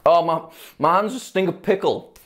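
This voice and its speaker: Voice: medium pitch, normal speed. A person giving casual, exclamatory reactions on a vlog while eating sour candy, giggly and dramatically complaining. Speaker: vlog presenter.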